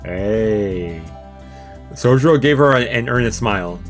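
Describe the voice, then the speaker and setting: Against faint background music, a man with a fairly low, expressive voice talks a little slowly. He's streaming a let's play, reading the visual novel's story aloud with casual, slangy asides.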